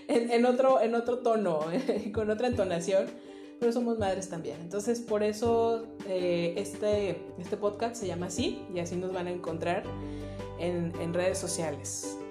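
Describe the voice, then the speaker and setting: A woman's voice: medium pitch, a little slow. A woman with a northern Mexican accent from Monterrey, co-hosting a casual podcast and explaining things directly to listeners. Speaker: podcast co-host, child psychotherapist. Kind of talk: casual conversational podcast talk. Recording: roomy echo, faint music.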